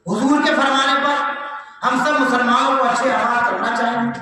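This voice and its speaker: A man with a very high, bright and forceful voice delivers a sermon at a religious gathering, swinging between fervent shouted verse and a lower storytelling tone. He is heard from some distance in a strongly echoing hall, with faint ambience behind him. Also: steady tone, normal speed, slight background noise. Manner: rising into chanted, shouted verse, then dropping to a low telling tone. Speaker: preacher. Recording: echoey hall, voice from afar.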